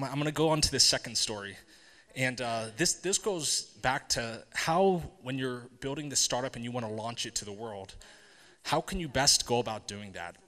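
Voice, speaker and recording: Male keynote speaker, bright tone, halting earnest delivery, reverberant hall. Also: mid-range voice. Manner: earnest, halting with many fillers and restarts. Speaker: conference speaker. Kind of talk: live presentation to an audience.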